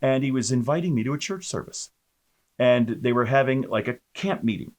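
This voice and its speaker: A man, a pastor, telling his personal testimony in an animated storytelling way, with many fillers and restarts. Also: mid-range voice, fairly quick.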